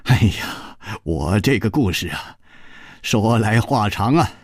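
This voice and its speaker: A man voicing a calm, gallant young hero in a storytelling audiobook, speaking in a measured, easygoing way. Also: fairly low pitch, no room sound, clean studio sound, voice pushed up, full character voice.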